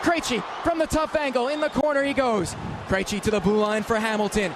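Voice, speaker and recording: A man gives live radio play-by-play of an ice hockey game, his very high voice moving a little fast in an urgent, clipped, excitable running account of the action. The broadcast carries loud arena noise, with the hockey rink's ambience roaring behind him.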